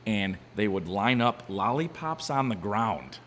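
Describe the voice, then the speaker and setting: A man's voice: fairly low pitch, sing-song, unhurried, fairly bright tone, a little hiss or hum. A man co-hosting a casual podcast, telling stories in a rambling way with lots of restarts. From Ohio. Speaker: podcast co-host, bar owner. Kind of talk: casual chat. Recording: long reverb, faint background ambience.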